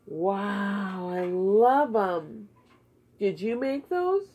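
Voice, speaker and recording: A woman with a warm, breathy-edged, mid-range voice speaks animatedly, drawing out her words. As if talking to a child at a home puppet show, she casually asks short, simple, encouraging questions from beside a Christmas tree in her living room, picked up by a phone camera a short way off.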